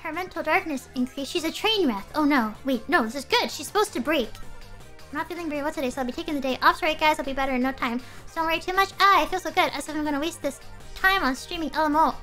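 High, bright-voiced playful woman streamer. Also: fast, soft background music. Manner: playful, rambling, reads game lines aloud in a doting voice. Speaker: game streamer. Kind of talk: casual live game commentary.

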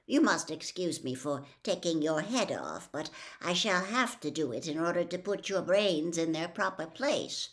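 An older woman voicing a little humbug wizard man in a storybook reading, low and soft. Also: lively intonation, moderate pace, hardly any pauses, close to an everyday voice. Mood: calm.

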